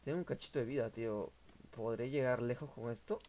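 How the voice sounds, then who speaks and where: A young man, streaming a game and commentating live, excitable and swearing at the action. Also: mid-range voice, fairly quick, a little hiss or hum. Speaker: gaming streamer.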